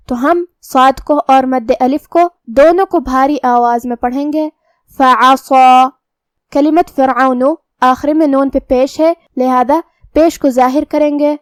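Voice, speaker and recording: A woman's voice: sits high, a little mellow, no echo, studio quality. A woman teaching Quran recitation rules, explaining each rule step by step. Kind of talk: tajweed lesson with slow recitation.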